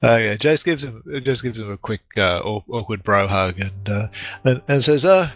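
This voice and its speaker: A man's voice: on the low side, expressive, normal speed, a bit bright. Hesitant man on a muffled mic. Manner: hesitant, filler-heavy. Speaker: player. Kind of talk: tabletop game play.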